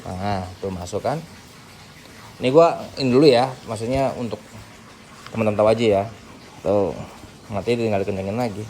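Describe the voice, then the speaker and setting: In a mellow, somewhat low voice at normal speed, a male tutorial host pauses often as he informally talks through a hands-on task step by step. Noise is clearly present in the background.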